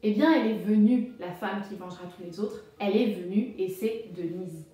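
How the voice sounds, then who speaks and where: A woman teacher explaining a novel in a clear, explanatory literature lesson. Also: mid-range voice, moderate pace, dark tone, distant mic, faint music behind. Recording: roomy echo.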